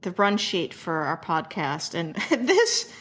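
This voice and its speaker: A woman's voice: on the low side, huge pitch swings, takes it slowly, fairly bright tone. Woman, podcast co-host, casual chat, dry, pragmatic, laughs easily.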